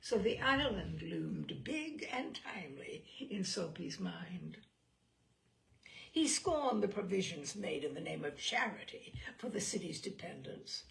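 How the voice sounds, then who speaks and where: A woman with a lowish, gravelly voice reads a literary short story aloud. Her delivery is expressive, measured, and deliberate, with theatrical phrasing.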